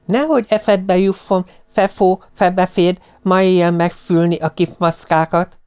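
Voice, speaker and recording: A man's voice: very high voice, steady tone, darkish tone, clear, resonant tone, voice pushed up. A man reading an audiobook, voicing an eager small girl with a lisp. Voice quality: lisping.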